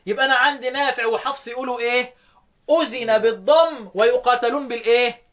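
Egyptian sheikh guy quizzing a student on readings, real high voice, talks fast, drills phrases slow. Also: steady tone, fairly bright tone. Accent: Egyptian Arabic. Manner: quizzing, repeats answers, drills phrases slowly. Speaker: Quran recitation teacher. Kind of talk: teaching the variant readings with call and response.

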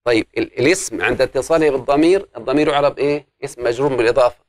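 A man teaches a classroom grammar lesson. He works through the rules step by step and keeps asking the class questions that he answers himself. His voice sits at an ordinary pitch and sounds dry and close. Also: racing, no room sound.

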